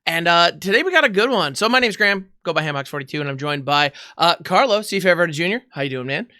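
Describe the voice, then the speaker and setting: A young man hosting a podcast in relaxed, chatty talk with fillers. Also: fairly high pitch, quick pace, dry recording, studio quality. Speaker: podcast host. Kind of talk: casual podcast chat.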